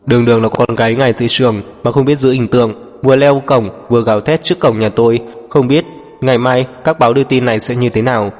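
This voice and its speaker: A man's voice: mid-range voice, quick pace, a little mellow, lightly acted. A cold, domineering young male CEO voiced by a male reader, with curt, clipped speech in a plain mid-range voice. A lingering reverb and faint background music surround it in this audio storybook.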